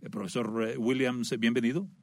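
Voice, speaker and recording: A man's voice: medium pitch, steady tone, a little fast, gravelly, darkish tone, no echo. A man hosting a radio talk show, conversational and full of "eh" fillers. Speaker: radio host.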